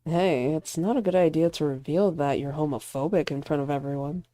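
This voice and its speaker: A woman voicing a smug young male actor who teases and provokes his rival, calm and mocking. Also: sits low, fairly quick, no room sound, faint music behind, natural voice. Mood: smug teasing.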